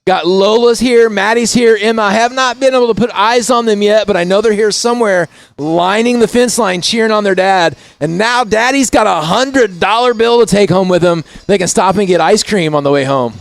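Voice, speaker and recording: Chatty high-voiced race commentator man. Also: normal speed, vocal fry, no room sound. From Indiana. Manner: chatty, folksy, keeps saying "if you will". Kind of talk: live bike race commentary.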